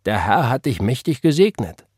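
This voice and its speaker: A man's voice: mid-range voice, very animated, normal speed, darkish tone, slightly rough, no echo, studio quality, pitched above the performer's own voice. A man voicing an old, devout church mother who exclaims praise.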